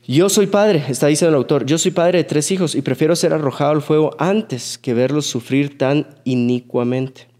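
A man, preaching a sermon in earnest storytelling that sinks to a hushed, low voice at emotional moments. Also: normal speed. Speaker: pastor.

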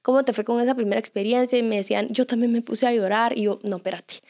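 Animated woman with a higher voice. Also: quick pace. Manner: animated, acts out voices in her stories. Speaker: podcast co-host. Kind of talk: casual storytelling chat.

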